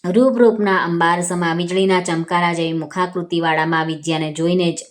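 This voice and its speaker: Calm Gujarati woman telling a devotional tale. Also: on the low side. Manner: calm, measured reading with quoted dialogue lines. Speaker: storyteller. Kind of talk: devotional vrat katha narration.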